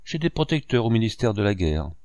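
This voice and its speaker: A man's voice: lowish voice, sing-song, a little fast, darkish tone, no room sound, studio quality. A man reading aloud, voicing a visiting former soldier who answers in plain, matter-of-fact replies. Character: former soldier turned informer, shifty man.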